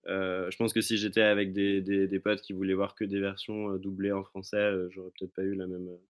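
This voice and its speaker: Here a man with a deep voice talks fairly quickly and flatly, swapping casual anecdotes as a podcast guest from his own location over a remote connection. He keeps restarting sentences and groping for words.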